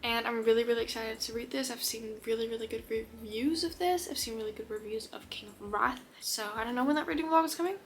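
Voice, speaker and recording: A woman chatting casually as a book vlogger, gushing and excitable, sometimes dropping to a whisper. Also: on the high side, fast talker, few pauses, a little hiss or hum. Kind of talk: casual chat. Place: her room. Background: faint rain.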